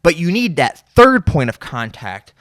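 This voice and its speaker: A man's voice: fairly high pitch, very animated, measured pace, fairly bright tone, dry recording. Guy rambling about guitar stuff, keeps stumbling and saying right?, super dry close sound. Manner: rambling, repeats words, says "right?" often. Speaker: musician and content creator. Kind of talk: casual monologue.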